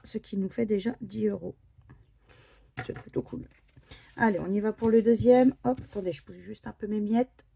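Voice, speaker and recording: A woman scratching lottery tickets on camera, commenting slowly and often dropping to a whisper. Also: medium pitch, creaky, dark tone, slightly rough. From France. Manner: slow, murmuring, often drops to a whisper. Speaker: scratch card vlogger. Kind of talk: casual scratch card commentary.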